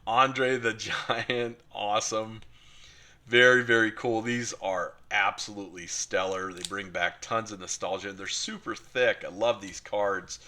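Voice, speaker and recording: A man's voice: on the low side, fairly even intonation, a little slow, sharp tone. A middle-aged man from the United States chatting casually and enthusiastically as he opens collector mail, with many fillers. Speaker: card collecting channel host. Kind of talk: casual unboxing chat.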